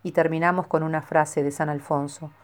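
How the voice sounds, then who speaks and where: Female narrator for a scripted devotional reading, calm and measured, a little low in pitch. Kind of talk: scripted narration of a saint's life.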